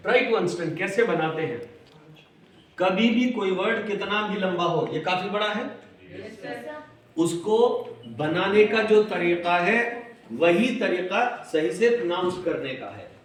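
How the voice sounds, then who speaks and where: A man teaching a class, switching between Hindi and English, quizzing his students and stretching words out slowly. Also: high voice, lively intonation. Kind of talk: classroom lecture. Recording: echoey classroom, far from the mic.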